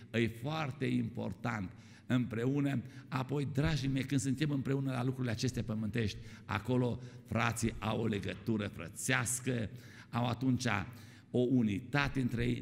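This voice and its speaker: Man preaching, gravelly voice, long church reverb, keeps asking the congregation questions. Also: medium pitch, darkish tone. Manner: repeats "my dear ones", asks the congregation questions. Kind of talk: sermon. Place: church hall.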